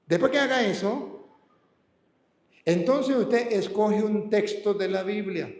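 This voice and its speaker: A man preaching as a priest, emphatic and then slowing to a calm hush on key words. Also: high voice, roomy sound. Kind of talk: sermon teaching scripture reading.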